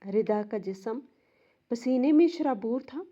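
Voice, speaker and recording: A woman storyteller narrating a dramatic story in a steady, expressive way. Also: on the high side, dull audio.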